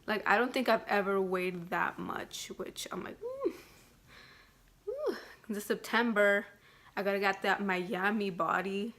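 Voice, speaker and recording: A woman's voice: medium pitch, fairly even intonation, normal speed, fairly bright tone. Woman vlogging, just chatting and rambling, says like every other word, normal mid voice. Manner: rambling, fills speech with "like". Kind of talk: casual pregnancy update vlog.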